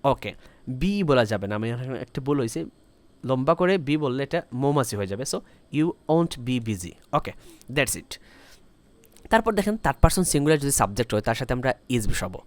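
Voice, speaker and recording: A man teaching a spoken English lesson, explaining slowly and repeating each example sentence in both languages. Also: medium pitch, sing-song, no room sound.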